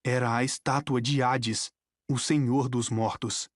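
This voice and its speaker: Brazilian woman, expressive audiobook narration, dry close mic. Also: a bass voice, measured pace, no echo. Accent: Brazilian Portuguese. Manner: dramatic, expressive storytelling. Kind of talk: scripted narration.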